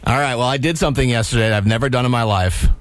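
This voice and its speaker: A man in his forties hosting a radio show, talking in a halting, nervous way with lots of stammered restarts. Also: medium pitch, dry recording. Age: 40s. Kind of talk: casual on-air chat.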